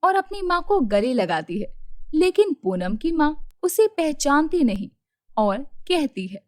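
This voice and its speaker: A woman narrating a children's cartoon story in a steady storytelling way. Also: sits high, a little slow, no echo, studio quality.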